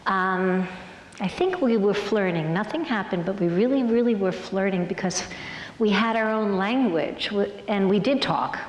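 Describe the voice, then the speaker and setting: A woman's voice: mid-range voice, moderate pace, a little hiss or hum. An older woman, a former ballerina, telling stories on stage in a big hall, acting out quotes and dropping to whispers. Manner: lively, acts out quotes, drops to whispers. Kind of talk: stage storytelling show. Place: large arts hall, live audience. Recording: echoey hall with long reverb and faint music.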